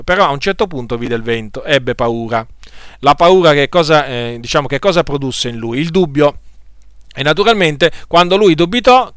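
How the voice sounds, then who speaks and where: A man preaching a sermon to his congregation in a deliberate way, often pausing on hesitation fillers and repeating phrases. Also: medium pitch, a bit bright, smooth, no room sound, clean studio sound.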